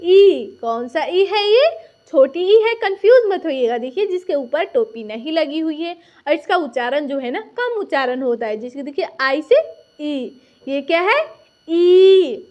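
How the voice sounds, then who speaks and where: A woman's voice: high-pitched, animated, measured pace, muffled recording. A woman teaching a recorded lesson, patiently repeating each point and asking and answering her own questions.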